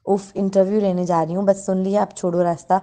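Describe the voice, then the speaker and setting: Audiobook: woman reading a hot-tempered young woman reporter, dark, even tone. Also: medium pitch, close to an everyday voice. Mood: irritated.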